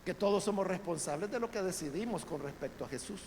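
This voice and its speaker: This Salvadoran pastor speaks fast and animatedly in a high-sitting male voice, delivering a conversational Bible study sermon in church. He keeps addressing the congregation as brothers, tosses in tag questions, and climbs to loud, emphatic peaks, all in an echoing hall with faint background noise.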